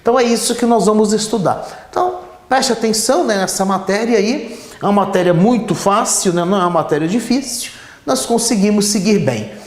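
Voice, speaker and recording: A Portuguese teacher explains grammar at a whiteboard in a brisk, mid-range voice, frequently checking in with "né?" tag questions and stretching out words while writing. The room is echoey.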